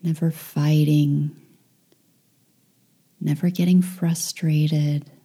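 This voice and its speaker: This is a low-pitched woman's voice with a flat delivery, nearly a whisper, soft and breathy. She leads a guided meditation, soothing and gentle, leaving long pauses.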